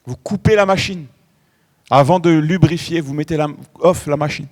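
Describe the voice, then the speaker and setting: A man's voice: a little high, normal speed. A middle-aged man preaching a sermon in a church, telling stories with lots of energy and drawing out key words. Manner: animated storytelling preacher, stretching key words. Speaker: pastor.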